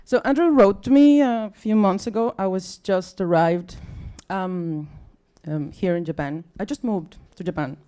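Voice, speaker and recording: A young Mexican woman speaking English as a second language, with a Spanish accent, is a guest at a science talk night in a bar or event room before a live audience. Tired, chatty and apologetic, she gives a casual, self-deprecating talk full of fillers and restarts. Her mellow, medium-pitched voice is clear and resonant, unhurried with few pauses.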